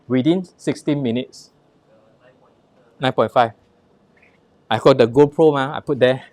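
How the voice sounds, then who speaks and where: A man's voice: mid-range voice, measured pace, a little mellow, dry recording. Singaporean-accented man giving a punchy sales demo. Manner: instructive, short punchy phrases with rhetorical questions. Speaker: product demonstrator, sales presenter. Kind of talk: live sales demonstration talk with anecdotes.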